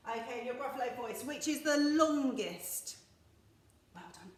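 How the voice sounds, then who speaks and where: A woman teaching a recorded maths lesson to young children, bright and encouraging with lots of praise. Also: high voice, moderate pace, roomy sound. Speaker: primary school teacher. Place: classroom.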